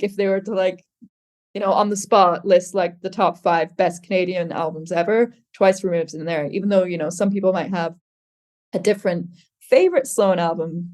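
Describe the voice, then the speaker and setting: A woman musician guests on a podcast, chatting casually with plenty of "like" fillers and easy laughs, in a lowish voice with a darkish tone.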